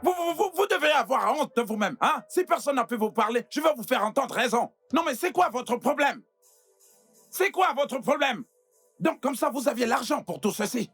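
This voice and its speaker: An actor dubbing a sharp-tongued male doctor who scolds and mocks an intruder, threatening to throw him among the corpses. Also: very high-pitched, lively intonation, normal speed, slightly rough, soft background music, full character voice. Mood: scolding. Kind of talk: dubbed film acting.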